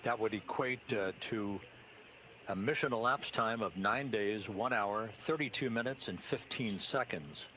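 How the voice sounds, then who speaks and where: A man with a lowish voice reads out official updates from mission control, heard through a relayed broadcast feed. He speaks in a measured, halting way, stopping often on "uh." A faint hiss sits under his voice. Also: pushed and bright, low-quality recording. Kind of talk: official status announcement.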